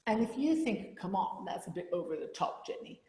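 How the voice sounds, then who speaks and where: A woman's voice: mid-range voice, animated, a little fast, mellow, slight background noise. Woman leading a choir over video call. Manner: demonstrates sung phrases between spoken instructions. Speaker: choir leader. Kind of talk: online choir rehearsal. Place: home room. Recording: roomy video call with reverb.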